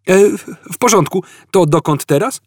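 A man acts out a flustered young man in an audiobook. He stammers and sounds indignant, in a raised, husky voice. The room is dry. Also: medium pitch, very animated, normal speed, no room sound, voice pushed up.

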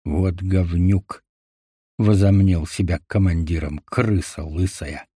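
A coarse, bullying male thug, barking orders and spitting threats in a dark action audiobook, as the narrator puts him on. His voice is rough and loud in the orders and grumbling when he sneers. The recording is dry and close. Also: medium pitch, normal speed, no room sound, voice pushed up, lightly acted. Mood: spiteful. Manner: crude and bullying. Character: brutal, crude male thug, bossy and spiteful.

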